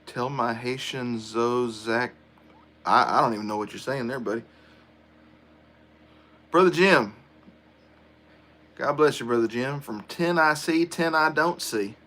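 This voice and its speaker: A middle-aged man hosts a relaxed livestream chat. He talks in a casual, rambling way and answers viewer comments aloud as they come in. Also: medium pitch, moderate pace. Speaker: livestream host.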